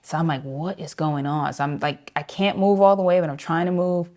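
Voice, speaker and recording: A woman's voice: on the low side, brisk, a little mellow. A woman saxophonist being interviewed, telling a story vividly and acting out the voices of people she quotes. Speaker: jazz saxophonist guest.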